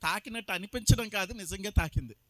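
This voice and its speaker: High-voiced pastor. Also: male voice, fast talker, bright, forceful tone, no room sound. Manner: emphatic, mixes in English phrases. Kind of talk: sermon testimony.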